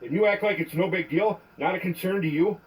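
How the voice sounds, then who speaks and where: A man's voice: sits high, fairly quick, distant mic, rough recording. A man leaving an angry voicemail on a phone, accusing and swearing as he repeats himself. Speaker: caller. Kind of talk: ranting voicemail.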